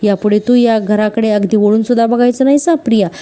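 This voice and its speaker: A woman reading out the threats of a furious young woman avenging her family, in a menacing, deliberate way. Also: on the high side, fairly even intonation, warm tone, natural voice. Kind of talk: quoted lines in a serial recap.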